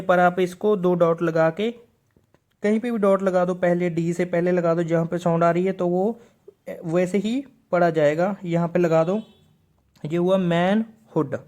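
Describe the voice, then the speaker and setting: A man's voice: high voice, fairly even intonation, moderate pace, darkish tone. A man teaching a shorthand video lesson. He explains patiently and says each example word twice.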